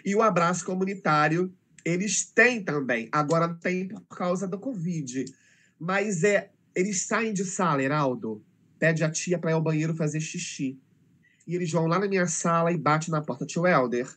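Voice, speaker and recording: A man's voice: fairly high pitch, moderate pace, a bit bright. A middle-aged Brazilian man telling emotional stories about teaching children in a casual conversation, acting out their voices. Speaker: teacher, interview guest.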